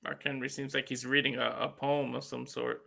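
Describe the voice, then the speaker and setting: A man's voice: medium pitch, level tone, a little fast, gravelly, bright, forceful tone. A man giving casual colour commentary as a wrestling co-commentator.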